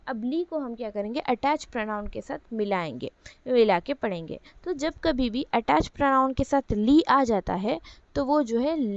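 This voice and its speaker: Higher-voiced woman teaching Arabic grammar. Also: darkish tone, dry recording, highs cut off. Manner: explains step by step, asks and answers own questions; repeats "ठीक है" as a check-in. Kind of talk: online Quran Arabic lesson.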